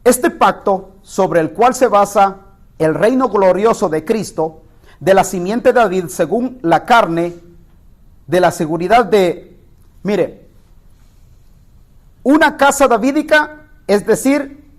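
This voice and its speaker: A man's voice: expressive, takes it slowly, long pauses. A male pastor teaching a Bible study sermon, reading verses aloud and breaking off to address his listeners. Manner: reads scripture aloud with asides to the listeners; rises in pitch when quoting the blind man's cry.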